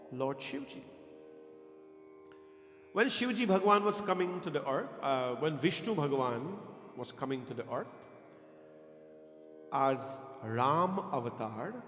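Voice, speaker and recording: A Guyanese man with a slightly high voice preaches to a congregation in an echoey hall, where long reverb hangs and faint music plays. His phrasing is emphatic and deliberate, and he puts questions to his listeners.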